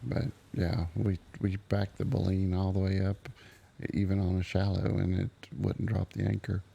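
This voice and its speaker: A man chatting casually as an in-game guide, speaking in a hesitant, halting way. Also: low-pitched, monotone, creaky, warm tone, husky, dull audio. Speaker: role-play guide greeting visitors. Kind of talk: casual in-game role-play chat.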